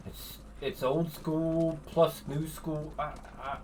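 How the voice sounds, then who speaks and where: A man streaming a video game, chatting casually in a rambling, excitable way and swearing often. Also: a little high, slow, far from the mic, slight background noise, poor audio. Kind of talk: casual chat while gaming.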